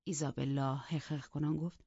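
A woman narrating a novel in a measured, even manner. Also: sits low, breathy edge, no room sound. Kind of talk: audiobook narration. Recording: dull, dry lo-fi recording.

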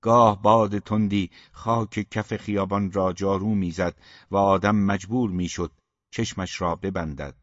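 A man narrates a literary novel in a steady, measured way. His voice sits low. The recording is muffled, with a dry, close sound. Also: no echo. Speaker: audiobook narrator.

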